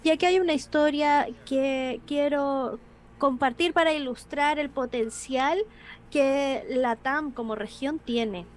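A woman giving a live interpreted voice-over of an online panel, briskly and with small word restarts and self-corrections. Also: high voice, slight background noise.

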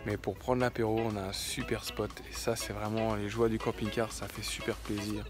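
A young man in his twenties from France, talking casually to a phone held at arm's length outdoors, chatty and relaxed with lots of fillers. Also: lowish voice, normal speed, music in the background. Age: 20s. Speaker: vlogger. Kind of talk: casual travel vlog. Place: outdoors by the sea and in a camper van.

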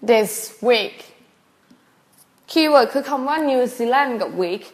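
A woman with a Thai accent, teaching an English test lesson in a chatty, animated way and mixing English terms into her explanations. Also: on the high side, takes it slowly. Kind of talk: TOEIC listening lesson.

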